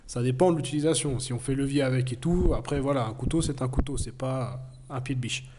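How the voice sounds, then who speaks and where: A man with a cold talks fast in a medium-pitched voice, reviewing a knife in a casual, plain, earnest way. Background noise is present, and his speech is hesitant and packed with fillers.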